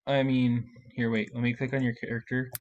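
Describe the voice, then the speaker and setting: A man's voice: mid-range voice, level tone, fairly quick, dull audio. A man running a tabletop game as game master on a livestream, thinking aloud with many restarts.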